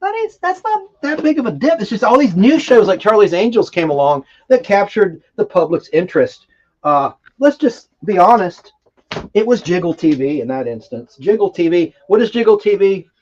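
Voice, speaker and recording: A man's voice: sits high, expressive, moderate pace, a little mellow, highs cut off. A man hosting a casual nostalgic TV live stream, talking in a rambling, enthusiastic, geeky way.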